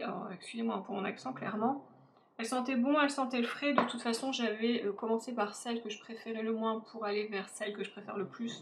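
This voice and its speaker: Chatty French-speaking woman in echoey room. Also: on the high side. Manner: chatty, hesitant with many fillers. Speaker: beauty vlogger. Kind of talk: casual product review. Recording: echoey room, faint ambient noise.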